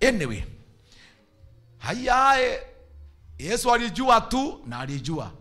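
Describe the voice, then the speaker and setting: Preacher man, high bright voice, swoops around a lot, soft music behind. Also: slow. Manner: animated preaching, mixing Swahili and English. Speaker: bishop. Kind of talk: sermon.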